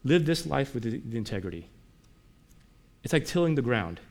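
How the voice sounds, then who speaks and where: A man preaching a sermon in a conversational way, moving between emphatic lines and quiet ones, often asking his listeners rhetorical questions. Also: mid-range voice, big pitch swings, moderate pace. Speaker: pastor.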